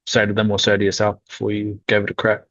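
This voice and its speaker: Kiwi bloke interviewing someone, low voice, dry slightly muffled sound. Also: male voice, completely flat delivery, fast talker, a bit bright, dry recording. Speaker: interviewer, marketing business owner. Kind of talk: casual interview chat. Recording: dry, dull lo-fi audio.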